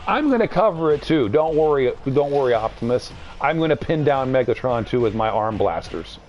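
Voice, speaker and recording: A man's voice: mid-range voice, sing-song, a little fast, lo-fi sound, a little hiss or hum, lightly acted. A man mockingly voicing a cocky young male robot hero from a cartoon, boastful and breezy.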